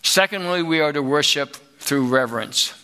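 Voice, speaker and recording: A middle-aged man preaching a sermon, slow and emphatic, rising to loud exclamations. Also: fairly high pitch, lively intonation, clean tone.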